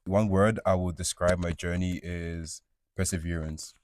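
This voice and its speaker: A young man from Ghana, a panelist talking slowly and thoughtfully, often restarting his words. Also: deep voice, steady tone, no room sound. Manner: slow, thoughtful and self-repairing. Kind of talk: casual panel talk.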